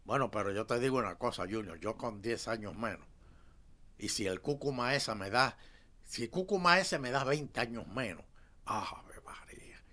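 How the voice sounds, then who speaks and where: A man's voice: medium pitch, expressive, moderate pace, sharp tone. A man with a Puerto Rican accent hosting a comedic talk show, joking and exclaiming in casual chat. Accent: Puerto Rican Spanish.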